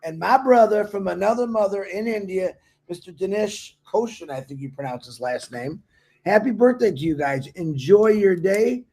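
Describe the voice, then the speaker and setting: A man's voice: high-pitched, lively intonation, normal speed, mellow. A man co-hosting a live stream, making upbeat announcements and introducing a guest, stumbling and restarting now and then. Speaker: co-host.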